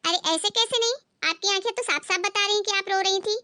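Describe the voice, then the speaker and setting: A woman's voice: extremely high pitch, fast, no echo, studio quality, pitched above the performer's own voice. Woman doing an outspoken young married daughter. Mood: cheerful. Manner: lively, direct and insistent.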